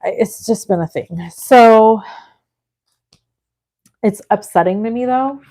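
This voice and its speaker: A woman in her forties hosts a live crafting stream, chatting casually with viewers and thinking aloud as she works. Her voice is mellow and a little high, and she takes things slowly.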